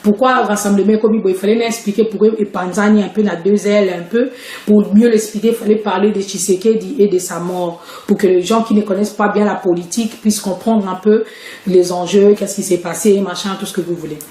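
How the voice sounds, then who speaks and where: A woman's voice: mid-range voice, steady tone, brisk, warm tone, echoey room. A woman, chatting and explaining hesitantly on a live stream from home. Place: at home, indoors.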